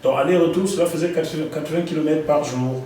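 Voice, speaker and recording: A man from Gabon, a guest in an interview, telling his story in an animated way and repeating words as he recalls details. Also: fairly high pitch, fast talker, heavy reverb, far from the mic, low-quality recording.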